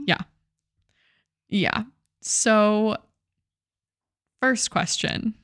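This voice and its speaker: A woman's voice: medium pitch, drawn-out words, fairly bright tone, no echo, clean studio sound. A young woman co-hosting a podcast, retelling a ghost story in casual chat, swearing and using many fillers. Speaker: podcast co-host.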